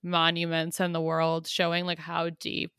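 A woman's voice: fairly low pitch, completely flat delivery, normal speed, fairly bright tone, clean tone, no echo, clean studio sound. A young woman co-hosting a podcast, talking casually and hesitantly as she thinks aloud. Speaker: podcast co-host. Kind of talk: casual chat.

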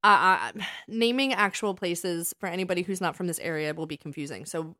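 Co-hosting a laid-back podcast, this woman trades stories with a friend, teasing her and often laughing mid-sentence. Her voice sits on the low side, pushed and bright, and her pace is a little fast.

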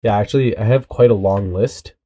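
A young podcast host with a cold-stuffed nose chats casually with friends, joking, rambling and animated. His voice is on the low side and his pace is brisk.

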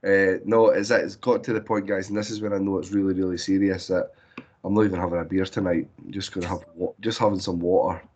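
A man hosts a casual podcast chat with a deep, husky voice that is hoarse from a cold. He is laid-back and jokey and draws out his openings. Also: little pitch movement, fast talker, darkish tone. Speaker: podcast host.

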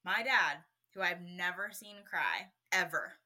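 A woman's voice: fairly low pitch, measured pace, poor audio. A young woman from California, co-hosting a podcast, telling stories in casual chat and laughing often. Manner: animated storyteller, laughs often. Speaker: podcast co-host.

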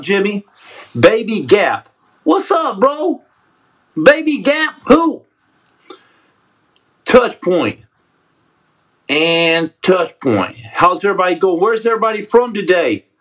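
High-voiced joking man, a bit far from the mic. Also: a bit bright. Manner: joking, trash-talking, calls people son. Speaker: podcast host reading live chat. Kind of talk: casual livestream chat.

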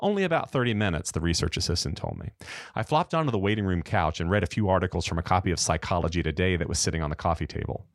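An American man hosting a casual podcast, reading a horror story aloud with a lively, animated delivery. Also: low voice, very fast, no room sound, studio quality.

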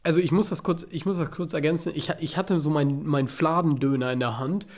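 A man's voice: a little high, fairly even intonation, quick pace, a little mellow. A young man co-hosting a casual podcast chat, retelling a story with swearing and many restarts. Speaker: podcast co-host telling a story.

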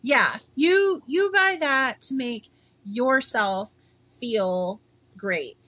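Brief: woman podcast co-host, eyewear pro, relaxed slow delivery, emphatic and chatty. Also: a little high, no room sound. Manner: chatty, emphatic, laughs easily. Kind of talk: casual chat.

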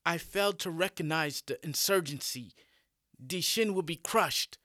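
A man's voice: a little high, a little slow, sharp tone, no echo, studio quality, pitched above the performer's own voice. A man voicing a loyal woman general who apologizes earnestly to her emperor. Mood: remorseful. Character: loyal female general, remorseful and dutiful.

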